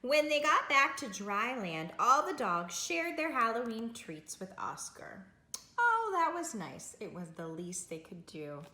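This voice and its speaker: This library storytime reader has a mid-range voice with a bright, forceful tone. She reads a picture book aloud with dramatic flair and friendly asides to the kids, and the indoor recording is roomy and echoing.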